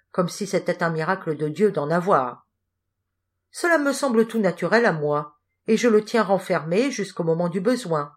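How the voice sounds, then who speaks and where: A woman's voice: lowish voice, close to an everyday voice. A woman voicing a poor, proud young poet and thief who answers back with heated indignation.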